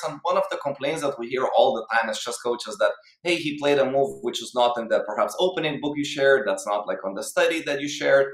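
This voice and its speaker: Man, thirties, from Lithuania, guest coach, explanatory answers, echoey video-call sound. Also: medium pitch. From Lithuania or former Soviet region. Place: plain room indoors. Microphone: video call, webcam distance.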